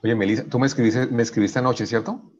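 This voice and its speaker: A man's voice: mid-range voice, steady tone, fast, highs cut off. A man teaching an engineering class online, working through equations step by step and checking in with "right?" after each step, often restarting his sentences. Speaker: engineering professor.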